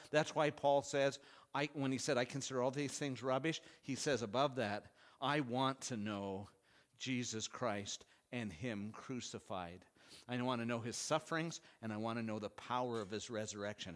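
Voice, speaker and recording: A male pastor preaching a sermon, earnest and heartfelt, swinging from emphatic peaks to soft, hushed lows. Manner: earnest, rising to emphatic then dropping soft and low.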